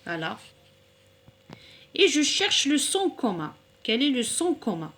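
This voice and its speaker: A woman teaching a recorded reading lesson for children, saying each word slowly, splitting it into syllables and repeating it patiently. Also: sits high, big pitch swings, fairly bright tone. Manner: slow and deliberate, splitting words into syllables.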